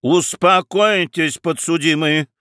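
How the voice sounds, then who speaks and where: A man's voice: on the high side, slow pace, sharp tone, no echo, studio quality, voice pushed up. A man voicing a stern, authoritative judge who hands down firm rulings in a dramatic story reading. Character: stern male judge presiding over a trial.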